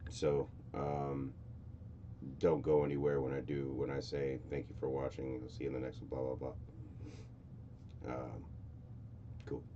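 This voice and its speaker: A man's voice: very deep voice, monotone, unhurried, pauses often, far from the mic, muffled recording, noisy background. A man hosting an online film show in a casual live-stream style, with playful, mock-grand theatrical phrasing.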